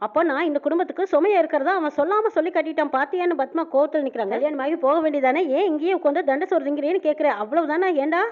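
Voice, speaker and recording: A woman retelling a TV serial episode quickly, narrating and voicing the characters' lines in an animated way. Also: sits high. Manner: rapid, animated storytelling that slips in and out of quoted dialogue. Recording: tinny phone-like audio.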